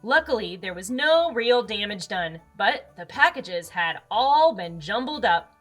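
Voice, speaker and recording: A woman reading a children's storybook aloud as narrator, expressive and with dramatic emphasis. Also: mid-range voice, measured pace. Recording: music under the voice.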